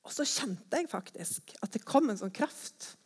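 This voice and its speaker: A woman giving a personal testimony, telling her story in a lively way and acting out her own thoughts as quotes. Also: fairly high pitch, breathy edge.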